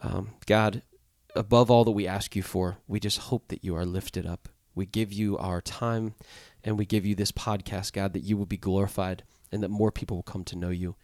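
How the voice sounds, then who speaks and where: A man's voice: fairly low pitch, fairly even intonation, moderate pace, hardly any pauses, a little mellow, dry recording, studio quality. A man hosting a podcast, leading an earnest closing prayer and sign-off in a stuffy, nasal voice. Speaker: podcast host.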